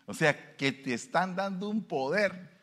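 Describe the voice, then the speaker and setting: A male preacher, preaching with a bright, ringing tone. His pitch swings widely as he asks his listeners questions and stresses key words. He keeps an animated teaching rhythm. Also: measured pace, in a large hall. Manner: animated, shifts pitch and pace for emphasis, asks the audience questions. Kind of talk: sermon.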